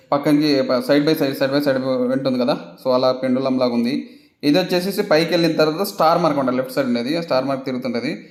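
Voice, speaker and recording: Chatty man with a higher voice, roomy echo. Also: a little mellow. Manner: chatty, laughs often, repeats himself. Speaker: vlogger. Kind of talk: casual voice-over commentary.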